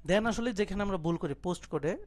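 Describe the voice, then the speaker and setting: A man's voice: high-pitched, quick pace. A young man teaching an IELTS listening lesson in an online class, explaining step by step, mixing in English terms and checking that his students follow. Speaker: IELTS tutor. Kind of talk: live online class lecture.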